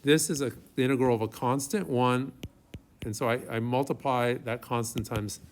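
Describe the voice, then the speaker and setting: A man's voice: mid-range voice, steady tone, moderate pace, a little hiss or hum. A man teaching a math class as a professor, thinking aloud as he writes and checking in with his students in an informal way. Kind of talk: classroom lecture, working through problems aloud.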